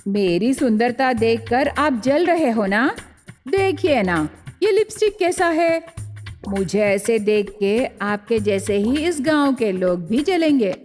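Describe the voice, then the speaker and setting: A middle-aged village mother-in-law from a cartoon storybook, voiced by a woman, scolding and then boasting about herself. Her pitch is raised and lively, and she speaks slowly. The sound carries long reverb with faint music behind. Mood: vain. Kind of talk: storybook character voice.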